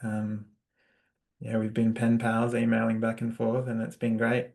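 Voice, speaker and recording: An Australian man hosting a spiritual interview podcast, talking casually with frequent fillers and soft laughs. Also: medium pitch, monotone, measured pace, vocal fry. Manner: warm-hearted, hesitant, with many fillers and laughs. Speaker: podcast host.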